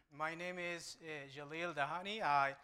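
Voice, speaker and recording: A man with a Moroccan accent, English not his first language, tells his conversion story from a church pulpit. His voice is bright, smooth and fairly high. He stumbles over repeated words and breaks in with small jokes. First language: Arabic. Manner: halting, with frequent repeated starts and light humor. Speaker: guest preacher. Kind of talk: church testimony.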